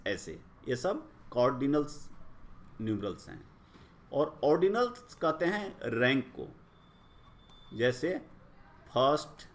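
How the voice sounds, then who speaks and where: Male grammar tutor: measured, unhurried delivery, pitch swinging widely for emphasis. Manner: slow, deliberate, rising and falling emphasis. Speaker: grammar teacher. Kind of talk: explanatory lecture.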